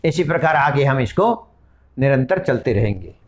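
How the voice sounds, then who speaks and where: A man's voice: medium pitch, sing-song, moderate pace, dull audio. A man teaching a Sanskrit grammar lesson, explaining and spelling out each sound one at a time. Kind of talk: classroom-style lesson.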